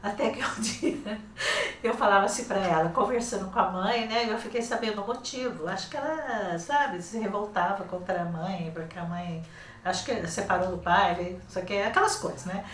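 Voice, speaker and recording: With a medium pitch and a moderate pace, the older woman recounts classroom moments during a relaxed TV studio interview, bringing quoted dialogue to life. She's a teacher and guest author with a Brazilian Portuguese accent. The mic is distant, leaving roomy sound and slight background noise.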